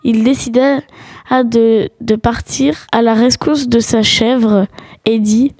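Woman narrating a storybook tale, highish voice, very dry sound no room. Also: fairly even intonation, slow pace, darkish tone, no echo.

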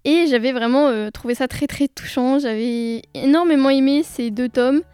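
A woman's voice: high voice, moderate pace, mellow, clear, resonant tone. A young woman casually talking about books she loves, enthusiastic and chatty, with frequent hesitations. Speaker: book vlogger. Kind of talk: casual book chat.

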